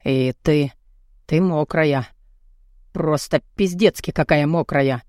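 A brash, burly man with a husky, gruff voice, as a woman narrator puts him on, teasing and blunt in a swaggering way. The voice sits a few steps lower than a woman's usual talk and is recorded dry and close, as in an audiobook. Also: slow pace, a little mellow, dry recording. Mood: strained. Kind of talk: audiobook character voicing.

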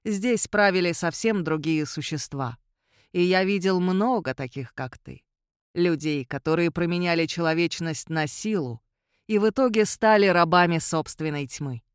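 A woman reading an audiobook voices an ancient male vampire count who speaks in a quiet, measured and coolly superior way. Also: fairly high pitch, clear, resonant tone, dry recording, studio quality, lightly acted. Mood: cool, menacing. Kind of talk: audiobook character voice.

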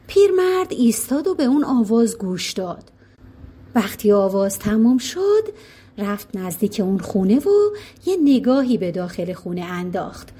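A woman narrating a folk tale for an audiobook in an expressive, conversational manner. Her voice sits fairly high and moves with a lively, varied melody as she tells the story. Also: slightly rough.

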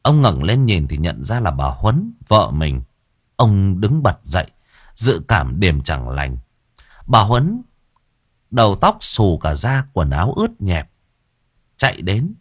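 A man's voice: low voice, very animated, slow, pauses often, breathy edge, dry recording, clean studio sound. A man narrating a horror story in a dramatic, emphatic storytelling manner.

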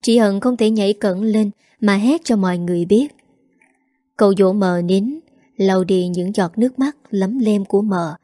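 A woman storyteller reading a long tale aloud in scripted narration, steady and emotive. Her voice is mellow and warm, and the recording is dry and close with no room sound. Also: medium pitch, normal speed, no room sound.

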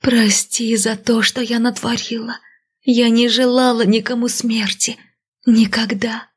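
A woman voicing a remorseful, tearful young ghost girl in a soft, whispery audiobook voice. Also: sits high, monotone, drawn-out words, slightly rough, pitched above the performer's own voice, heavily acted.

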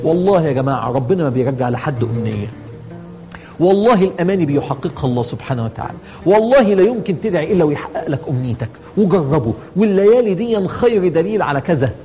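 An Egyptian man delivers a sermon at a rapid clip, his voice pitched high for a man. He pleads and presses, climbing even higher on each call to God. Clear backing music runs beneath him the whole time. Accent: Egyptian Arabic. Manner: impassioned, rising to pleading highs on invocations. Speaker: preacher. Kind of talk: Ramadan sermon to a live audience.

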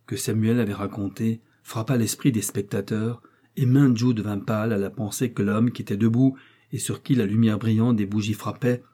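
Mellow husky male audiobook narrator. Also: fairly low pitch. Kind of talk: scripted narration.

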